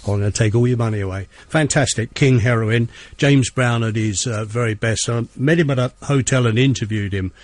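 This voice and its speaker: A middle-aged man presenting a radio show in a chatty, enthusiastic way, pausing on many "uh"s. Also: medium pitch, no echo.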